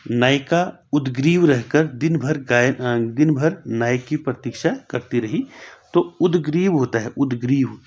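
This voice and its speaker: A young man teaching a spelling lesson for exam preparation, repeating each word and closing points with a quick "okay". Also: medium pitch, a little mellow, breathy edge, dull audio. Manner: repeats words slowly, ends points with "thik hai".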